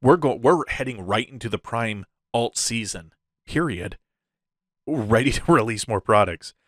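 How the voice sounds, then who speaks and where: A man's voice: mid-range voice, animated, measured pace, a bit bright, dry recording, clean studio sound. A man hosting a casual crypto update in the gushing, hyped-up manner of a crypto bro, often chuckling as he talks. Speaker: crypto video host.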